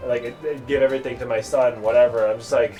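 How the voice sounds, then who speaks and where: A man's voice: medium pitch, fairly even intonation, fast talker, warm tone, distant mic, soft background music. A young man chatting casually while playing a video game, rambling and joking with lots of fillers. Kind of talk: casual gameplay chat.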